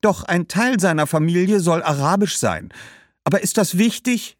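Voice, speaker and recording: A man voicing Cassia, an excited Roman woman eagerly spreading news and gossip in a high voice. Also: normal speed, no room sound, clean studio sound, natural voice.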